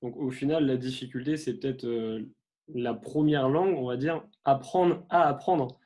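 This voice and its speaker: Male interviewer, mid-pitched, casual, hesitant questions. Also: moderate pace, dark tone. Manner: asks long, hesitant questions with restarts. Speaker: interviewer, host.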